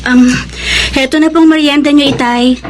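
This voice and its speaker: An actress plays a polite young daughter in a radio drama. Her voice is high, and she speaks respectfully with some hesitation. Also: fairly even intonation, normal speed, music in the background, close to an everyday voice. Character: Susie, polite young niece, dutiful.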